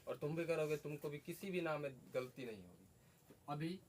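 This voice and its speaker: A man's voice: fairly high pitch, expressive, moderate pace. A man teaching a class, asking the students questions and repeating their answers. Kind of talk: classroom lesson. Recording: faint background noise.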